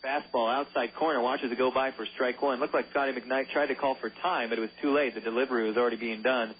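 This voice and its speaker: A man calls a minor-league baseball game for local radio, relaxed and joking, sometimes tripping over player names. His voice sits in a middle register. It comes through a narrow, phone-like channel with a faint hiss underneath. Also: medium pitch, fast talker. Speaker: play-by-play announcer. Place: ballpark broadcast booth.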